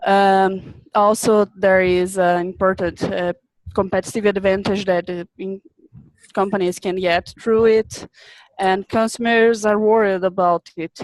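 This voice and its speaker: A young Brazilian business student presents a webinar in a medium, fairly flat pitch, speaking haltingly and often repeating words while she searches for them. The audio is poor, with no room sound.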